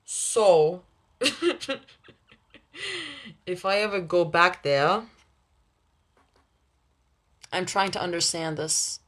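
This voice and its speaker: A young woman hosting a livestream, chatting casually with viewers, laughing often between quick asides. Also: on the low side. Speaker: livestream host reading chat. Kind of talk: casual live chat with viewers.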